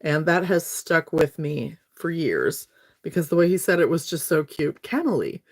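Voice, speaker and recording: A woman in her fifties speaks with a low, deep-set voice. She talks to her viewers in a chatty, friendly way while doing her makeup on a livestream. A slight lingering cough stays with her. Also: normal speed. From North Alabama, USA. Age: 50s.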